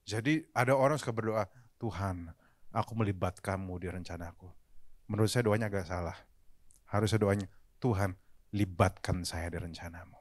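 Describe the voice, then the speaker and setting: A man's voice: lowish voice, dry recording. A man preaching a sermon at a live church service, talking casually and addressing the congregation directly, often slipping English phrases into his talk. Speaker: pastor.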